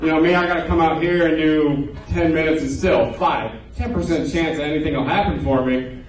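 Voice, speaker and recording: Speaking a little fast in a voice on the high side, this man in his twenties does stand-up at a comedy club for a live crowd, keeping things loose and conversational and aiming punchlines at himself. A distant mic picks him up in an echoey room with audience noise.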